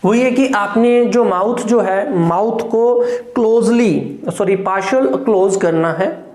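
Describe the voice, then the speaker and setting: Male teacher, slow, patient delivery; demonstrates sounds one by one, checks understanding; echoey room. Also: high-pitched, darkish tone. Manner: patient, repeats sounds, keeps asking "clear?". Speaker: English phonetics teacher. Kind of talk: classroom lesson explaining consonant sounds.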